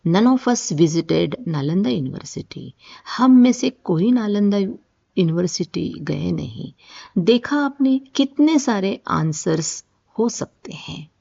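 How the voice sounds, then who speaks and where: A woman teaching spoken English, repeating words patiently in slow drills. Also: fairly low pitch, gravelly, darkish tone. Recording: dull lo-fi audio.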